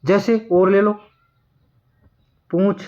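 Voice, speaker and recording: A man teaching Hindi grammar, repeating each word slowly and answering his own questions as he writes. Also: high voice, steady tone, darkish tone, muffled recording. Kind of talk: classroom lesson at a board.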